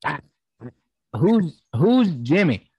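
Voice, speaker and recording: A man playing a clueless male debate candidate who talks in a confused, halting, deadpan way. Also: fairly high pitch, vocal fry, husky, no echo, highs cut off, full character voice.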